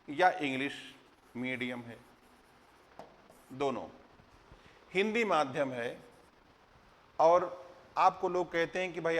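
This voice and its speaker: A man's voice: fairly high pitch, a bit bright, slight background noise. Hindi literature teacher, man, reverberant hall. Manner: explanatory, rhetorical questions, recites verse. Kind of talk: lecture to exam students.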